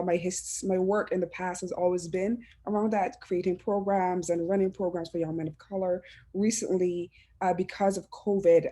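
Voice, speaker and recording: A heartfelt woman with a lilt speaks as a panelist over a video call. Her pitch sits in a middle range, and she often restarts a phrase before she lands it. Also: warm tone. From Barbados. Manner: earnest, heartfelt, with frequent restarts. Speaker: panelist, education administrator. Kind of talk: reflective personal talk on a panel.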